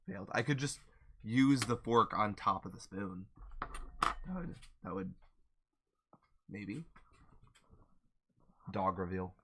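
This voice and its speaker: A man with a dry, raspy throat, rambling and joking in casual chat as he plays a game. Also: fairly low pitch, background noise. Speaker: gaming video host. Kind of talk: casual chat while playing.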